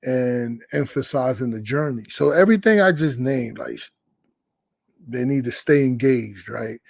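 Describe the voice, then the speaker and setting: A middle-aged man speaking as a boxing coach, with a gravelly edge to his mid-range voice. He talks loosely and frankly, cursing casually. The sound is dry and close. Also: mid-range voice, darkish tone, no room sound, low-quality recording. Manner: loose and candid, swears, laughs easily. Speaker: boxing head trainer. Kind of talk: casual interview answers.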